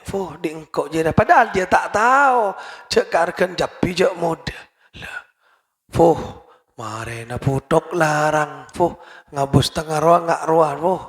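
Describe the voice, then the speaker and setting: A man giving a lively study lecture in a mosque, swinging between loud bursts and soft asides. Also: fairly high pitch, creaky. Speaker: preacher.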